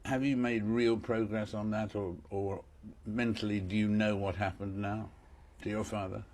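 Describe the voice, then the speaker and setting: A man's voice: on the low side, flat delivery, normal speed, darkish tone. A male interviewer who introduces his guest and asks long questions, often repeating words as he frames them. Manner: hesitant, repeats words while framing questions. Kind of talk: broadcast interview.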